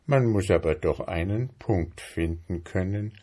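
A man voicing a slow, bewildered male beetle in a storybook reading, musing to himself. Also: low voice, dark tone.

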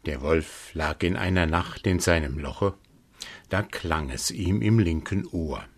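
A man reading a fairy tale aloud as a calm, measured storyteller. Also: low voice.

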